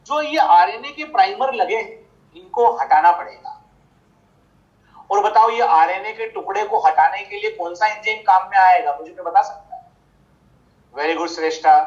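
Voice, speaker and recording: A man teaching a biology class online, asking rhetorical questions and answering them himself, repeating the key points. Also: sits high. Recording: slightly dull lo-fi audio.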